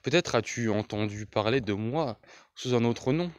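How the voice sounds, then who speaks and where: A man's voice: medium pitch, moderate pace, no echo, studio quality, natural voice. A man doing Elric, haughty albino sorcerer prince. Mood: menacing. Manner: threatening, haughty declarations. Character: proud albino sorcerer prince, cold and menacing.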